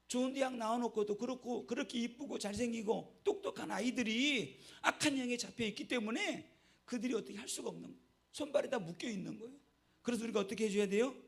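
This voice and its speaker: A man's voice: high voice, gravelly. A man, a pastor, preaching a sermon and telling stories, often checking in with the congregation with a short "eh?". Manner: storytelling, keeps prompting the congregation with short "eh?".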